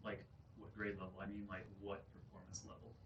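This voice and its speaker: A man in the audience asks quick, probing questions. His voice is low and flat and he talks fast. He is far from the mic in an echoey room. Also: highs cut off, slight background noise. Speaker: audience member. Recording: far from mic, roomy hall.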